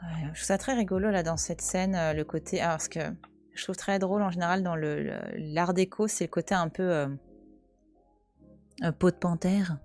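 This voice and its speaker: A woman's voice: lowish voice, fairly even intonation, normal speed, darkish tone, faint music behind. A French woman in her thirties, chatting casually and teasingly on a live stream from home, talking back to her chat. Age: 30s. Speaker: Twitch streamer. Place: at home, cat nearby.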